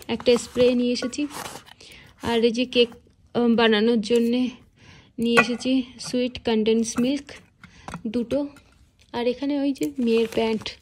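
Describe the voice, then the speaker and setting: A woman vlogger in her thirties talking casually and softly about her shopping and home. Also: a little high, slight background noise. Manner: soft-spoken, hushed so a child can sleep.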